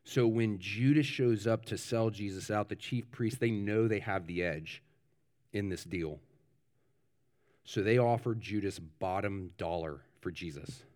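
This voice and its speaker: A man's voice: on the low side, measured pace, darkish tone. A male pastor preaching a conversational sermon with informal asides, often restarting and repeating words.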